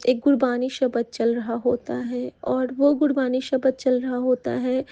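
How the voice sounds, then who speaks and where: A woman giving a heartfelt devotional testimony to the congregation, hesitating often with soft fillers. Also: high voice, dry recording, highs cut off. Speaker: devotee sharing a satsang testimony. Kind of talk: devotional testimony, addressing the sangat.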